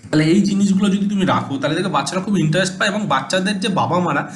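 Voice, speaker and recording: A man's voice: sits high, very fast. A man teaching an animation class, often checking "right?" and spelling out English words letter by letter. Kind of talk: informal classroom lesson. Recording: echoey room with faint noise.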